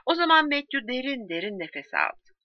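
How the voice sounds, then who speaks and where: Woman audiobook reader, expressive narration, dry slightly dull recording. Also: fairly high pitch, moderate pace, dry recording. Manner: expressive, dramatic reading. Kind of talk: scripted narration of a novel.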